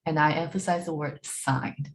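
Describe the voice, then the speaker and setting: Lady talking through slides at a bootcamp, lowish voice, bit of hiss behind, lots of ums and right?. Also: fairly even intonation, normal speed. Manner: frequent fillers and restarts, repeats words while searching; ends points with a questioning "right?". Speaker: workshop speaker. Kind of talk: presentation to a bootcamp. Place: online talk.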